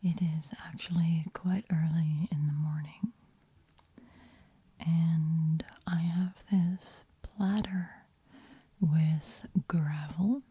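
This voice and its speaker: A woman hosts soft-spoken ASMR in a hushed voice that is very breathy and whispery. She talks slowly in a gentle murmur, with a fairly low pitch. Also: fairly even intonation, no echo. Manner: slow, unhurried, gentle murmur. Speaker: ASMR host.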